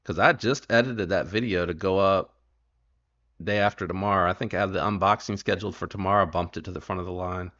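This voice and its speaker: A man with a drawl chats casually as the host of a home livestream. His voice sits low, and he rambles, trailing off and starting over. The sound is muffled and lo-fi, like audio from a stream. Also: steady tone, fairly quick, a bit bright. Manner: rambling, self-correcting and easygoing. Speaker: knife channel host.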